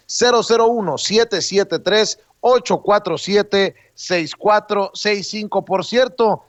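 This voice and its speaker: A male show host reading out phone numbers slowly and greeting viewers during an interview. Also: high voice, no echo, highs cut off. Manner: slow, deliberate reading of phone numbers, friendly shout-outs. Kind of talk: interview hosting with promotional call-to-action.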